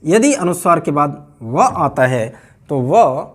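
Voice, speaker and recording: Male grammar teacher, high-pitched, animated intonation, unhurried delivery. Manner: slow, deliberate, repeats points. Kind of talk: explanatory lesson.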